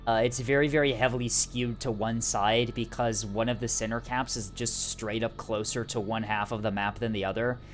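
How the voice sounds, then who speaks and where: Casting a strategy game tournament live, a man talks through the action in a chatty way, peppering it with frequent "uh" and "um." His fairly low voice keeps a steady tone at a moderate pace with few pauses, and faint music sits behind him.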